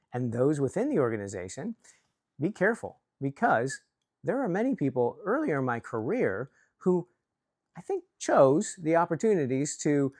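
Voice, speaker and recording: A man's voice: fairly high pitch, no echo, clean studio sound. A man from Chicago giving an earnest, self-reflective talk to camera about workplace leadership, often restarting his words. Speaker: leadership coach.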